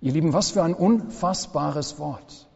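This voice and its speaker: A man preaching a sermon as pastor, slow and solemn with dramatic pauses, in a church. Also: on the high side, creaky, darkish tone, breathy edge. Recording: long church reverb, dull lo-fi sound.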